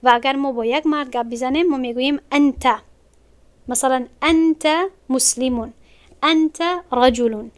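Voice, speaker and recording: A woman teaching an online Arabic grammar lesson in Tajik-accented Persian. Her voice sits high and sounds smooth and clear. She explains patiently, stepping through each point and repeating words slowly.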